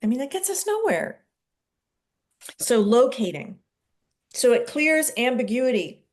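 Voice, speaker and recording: A woman's voice: a little high, sing-song, measured pace. A woman hosting a casual book club discussion, explaining ideas and acting out short examples from her own marriage.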